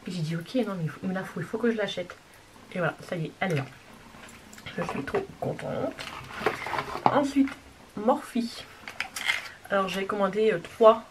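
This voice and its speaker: A woman showing off a makeup haul in a casual, gushing way, sometimes dropping to a soft whisper. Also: mid-range voice, a little fast. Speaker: beauty vlogger. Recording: distant mic with clear background noise.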